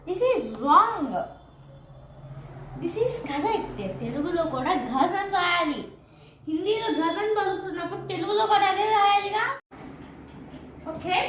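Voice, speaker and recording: A woman teaching patiently and slowly, repeating each point and quizzing the viewer with questions. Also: very high voice. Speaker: Hindi teacher. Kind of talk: slow step-by-step teaching. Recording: roomy, distant from mic, faint noise.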